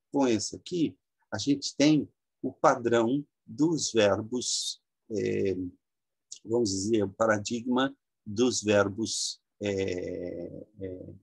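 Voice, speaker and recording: Slow, gravelly male teacher. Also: lowish voice, dry recording. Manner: slow, halting explanation with many fillers, drawing out example words. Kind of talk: classroom lecture.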